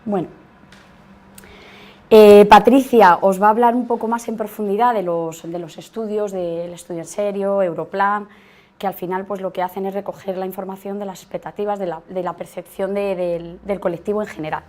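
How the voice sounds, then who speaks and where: A woman leading a training workshop, talking in a reflective, halting way with frequent restarts. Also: mid-range voice, fairly even intonation, mellow. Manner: hesitant, restarts often, reflective. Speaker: workshop facilitator. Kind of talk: informal workshop talk. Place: meeting room.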